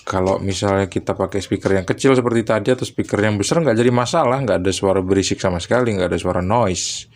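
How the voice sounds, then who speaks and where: A man's voice: lowish voice, fast talker. A man casually explaining audio equipment to his viewers, chatty and stopping now and then to recall details. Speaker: electronics tech vlogger.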